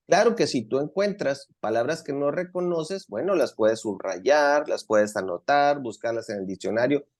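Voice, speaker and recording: A man's voice: mid-range voice, a little mellow. A man with a Mexican accent teaching an English class to students in Spanish, earnest and encouraging, often repeating himself.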